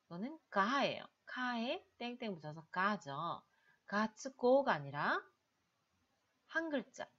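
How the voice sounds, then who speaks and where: A woman's voice: mid-range voice, husky. A woman teaching a language lesson, patiently drilling syllables one by one with repeated examples. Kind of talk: slow, repetitive pronunciation drill. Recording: dull, lo-fi audio.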